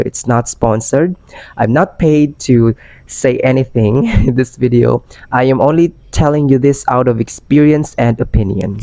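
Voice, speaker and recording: A young adult Filipino man, a vlogger who also tutors ESL part-time, talks casually to his channel in a hoarse, cold-roughened voice with a dark tone. His pitch is mid-range for a man, and he mixes English and Tagalog with lots of fillers. The recording is dry and close, with no room echo.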